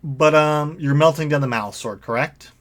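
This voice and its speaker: A man running a tabletop game as game master, narrating scenes descriptively with halting restarts and fillers. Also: fairly high pitch.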